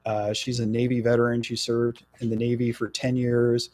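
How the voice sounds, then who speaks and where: In a radio interview, a middle-aged political candidate from New Jersey talks earnestly yet haltingly, filling his speech with frequent fillers. His mid-range voice is monotone and a little mellow, with no echo.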